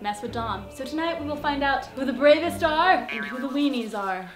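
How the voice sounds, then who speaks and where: A woman's voice: sits high, expressive, normal speed. A woman, hosting a prank vlog in a casual, chatty way. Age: 20s. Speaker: host of a prank challenge vlog. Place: large dim wood-panelled house interior. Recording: echoey room, music underneath.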